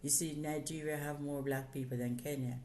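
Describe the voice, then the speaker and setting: A woman's voice: sits low, fairly even intonation, normal speed, dark tone, a little hiss or hum. An older woman with a Jamaican accent, chatting casually as her daughter's interview guest and explaining things step by step. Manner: explains step by step, laughs often. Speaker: interview guest, the host's mother. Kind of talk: casual chat.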